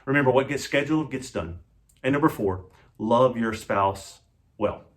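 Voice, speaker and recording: A man's voice: medium pitch, moderate pace, slight background noise. A man co-hosting a marriage channel in an earnest, encouraging and playful casual chat.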